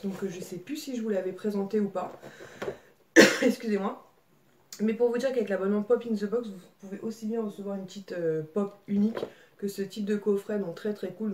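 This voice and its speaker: A woman's voice: medium pitch, darkish tone. A woman, chatting casually in a haul vlog at home, with many fillers and a scratchy throat. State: slight throat irritation. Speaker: vlogger.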